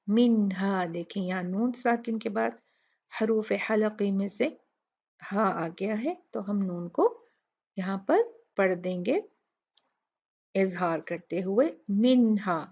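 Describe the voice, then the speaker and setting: A woman teaching a Quran recitation lesson. She explains each letter methodically and models slow recitation. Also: mid-range voice. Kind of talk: tajweed tutorial. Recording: dull lo-fi recording.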